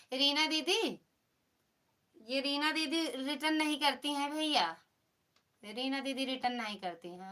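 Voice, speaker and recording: A woman's voice: on the high side, fairly bright tone. A woman with an Awadhi accent, hosting a casual live stream and chatting teasingly with her viewers. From Pratapgarh, Uttar Pradesh.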